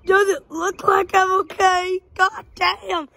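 A woman's voice: very high-pitched, level tone, slow pace, noisy background, exaggerated voice. A woman voicing a cranky male cowboy toy in a toy skit, snapping angrily and cursing. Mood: angry. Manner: angry and cursing.

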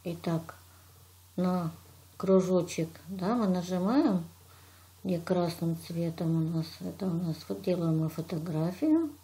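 A teacher from Russia guides a child through a drawing lesson one step at a time, patiently praising and narrating every action. Her voice is lowish, warm, and a little slow.

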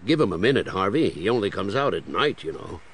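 An actor playing an apologetic, reasonable police commissioner in a children's superhero audio drama. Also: male voice, lowish voice, very animated, brisk, creaky, soft background music. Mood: calm, friendly.

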